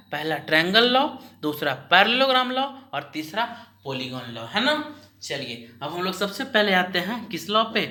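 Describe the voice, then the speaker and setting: Bright-voiced man teaching a class. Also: high voice. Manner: asks questions and answers them himself; patient, repeats each point slowly. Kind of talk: recorded class lecture.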